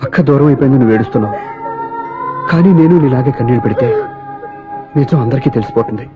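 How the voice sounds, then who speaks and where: An actor playing a gentle, grieving young widower who pleads softly and earnestly. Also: male voice, mid-range voice, quick pace, muffled recording, music in the background, close to an everyday voice. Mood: grieving, pleading.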